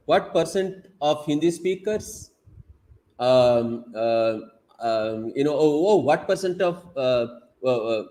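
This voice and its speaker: A man's voice: a little high, a little mellow, poor audio. A man from Odisha with an Indian English accent, whose first language is Odia, giving an emphatic online lecture with many fillers and repetitions. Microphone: video call.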